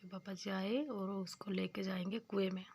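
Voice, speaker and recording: A young village vlogger speaks at a moderate pace in a medium-pitched, steady, darkish voice, with slight background noise. Narrating casually outside her village home, she repeats her points in a homely way and moralizes about simple life lessons.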